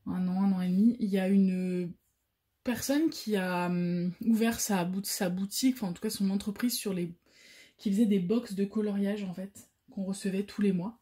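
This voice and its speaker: Woman, quiet hushed talk, hesitant fillers, dark mellow tone, casual craft vlog. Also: medium pitch, fairly even intonation, normal speed, slightly rough. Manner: speaks softly, sometimes whispering, so her baby keeps sleeping; hesitant, many fillers and restarts. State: out of breath. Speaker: coloring channel host. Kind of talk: casual show-and-tell vlog.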